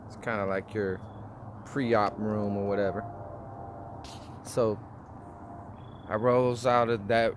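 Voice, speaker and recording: Vlogger, man in his forties, low voice, loose rambling delivery, street noise behind. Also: level tone, slow, long pauses. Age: 40s. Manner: rambling, with frequent restarts and fillers. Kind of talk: casual personal review.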